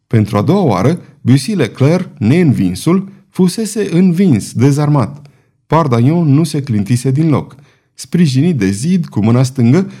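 Un narator bărbat care citește un roman de aventuri cu dramatism și intonație foarte vie. Timbrul e cald și domol, cu înălțime obișnuită. Lectura are ritmul unei cărți audio bine jucate. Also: male voice, mid-range voice. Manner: expressive, dramatic storytelling. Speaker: narrator. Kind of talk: audiobook narration.

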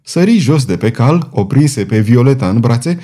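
Man narrating with a mellow voice. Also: medium pitch, expressive. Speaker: audiobook narrator. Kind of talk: scripted narration.

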